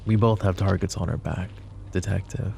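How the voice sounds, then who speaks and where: A man acts out a flirtatious, possessive mafia boss in an intimate ASMR roleplay, sounding intense and possessive. Heavy gravelly fry runs through his low, very mellow voice, and he speaks at a moderate pace with a steady tone, smooth-talking and protective with controlled menace under the teasing. There is slight background noise.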